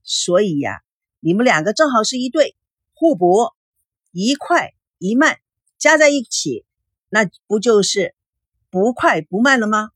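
A woman's voice: mid-range voice, very animated, unhurried, slightly rough, no room sound, studio quality. A woman voicing a meddling, gossipy woman who teases and exaggerates. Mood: teasing. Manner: teasing, exaggerated.

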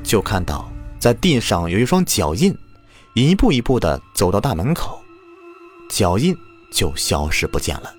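A man with a fairly low, sing-song voice hosts a ghost story program, dramatically narrating a story someone submitted at a moderate pace. Faint music plays in the background.

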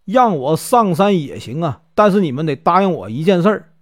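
A man's voice: fairly high pitch, sing-song, fairly quick, no echo, studio quality. A man voicing stern officer Zhu Tong. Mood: indignant. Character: Zhu Tong, proud upright male army officer.

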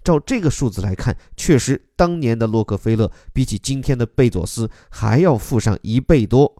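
A man teaching English through a news article, explaining words and grammar in a lively, explanatory way. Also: medium pitch, no room sound, clean studio sound. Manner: lively, explanatory, reads English lines aloud and breaks them down.

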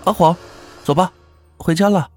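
A man voicing an eager young village boy who calls out high and brightly to his dog and a neighbor. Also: normal speed, faint music behind.

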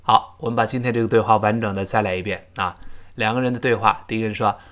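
A man teaching a spoken English lesson in Chinese, modelling English phrases slowly with a Chinese accent for listeners to repeat. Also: on the low side, steady tone, a bit bright.

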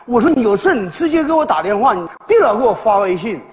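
A man's voice: high voice, fast, noisy background. A man, performing sketch comedy in a teasing, laughing manner. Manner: animated, teasing, often laughing. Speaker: comic actor playing a father. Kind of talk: northeastern Chinese sketch comedy. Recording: live stage, hall reverb, audience.

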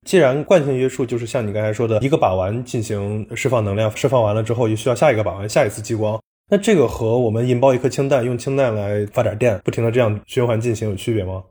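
A male podcast host asks long, probing questions at a quick clip. His voice is mellow and dark with a husky grain. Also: mid-range voice. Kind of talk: interview questions.

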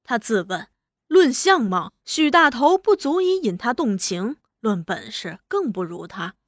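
Brief: woman storyteller for a serialized novel, lively and expressive, higher pitch. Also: a little slow, no echo, clean studio sound. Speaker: narrator. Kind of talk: storytelling audiobook narration.

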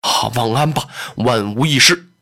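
A storyteller voicing a cautious, humble male lord who speaks low, hushed and soothing in traditional storytelling. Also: measured pace. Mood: gently dismissive.

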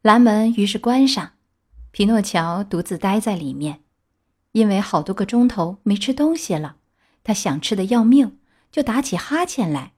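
A woman reading a children's storybook aloud with lively, expressive storytelling. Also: mid-range voice, moderate pace, breathy edge.

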